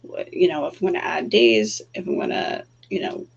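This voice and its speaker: A woman who hosts livestreams and works as an energy healer chats casually in a soft, calm, halting way full of fillers, then guides a breathing exercise. Her voice is low-pitched, creaky, and slightly rough. The stream audio is dull and lo-fi, with a faint hum.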